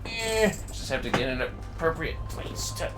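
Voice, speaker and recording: A man with a slightly high voice streams a video game while game music plays, rambling and half talking to himself and his audience. He sounds very animated yet unhurried.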